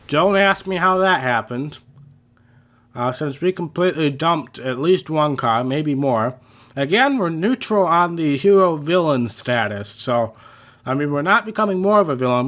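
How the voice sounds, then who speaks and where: A young man giving casual, rambling commentary over his racing game, a little hoarse and self-deprecating, with many fillers. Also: a little high, fairly bright tone. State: slightly losing his voice. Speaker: gaming channel host.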